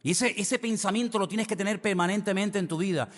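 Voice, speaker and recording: A middle-aged man, preaching a sermon as a pastor with animated storytelling that moves between hushed and emphatic. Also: sits high, brisk. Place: church hall. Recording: reverberant church hall.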